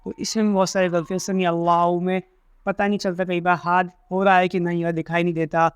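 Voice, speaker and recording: High-voiced man teaching prayer corrections. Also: level tone, smooth, no room sound. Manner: demonstrates recitations slowly and deliberately; explanatory, repeats points, many restarts. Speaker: religious teacher. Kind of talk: instructional video lesson.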